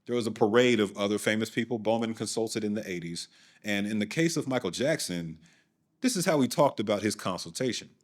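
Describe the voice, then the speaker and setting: A man with a lowish voice, talking a little fast, hosts and narrates a documentary. His delivery is scripted, with dry, sardonic asides.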